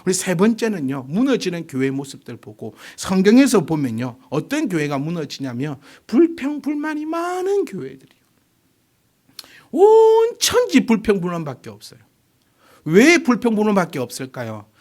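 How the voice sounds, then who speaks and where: Forties male pastor, sermon delivery, rhetorical questions, voice swinging wildly high and low. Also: moderate pace. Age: 40s. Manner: animated, fires rhetorical questions at the congregation.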